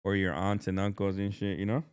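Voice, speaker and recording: A man hosting a podcast, asking loose, relaxed questions full of fillers. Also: deep voice, a little fast, clear, resonant tone. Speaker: podcast host. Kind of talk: casual interview chat.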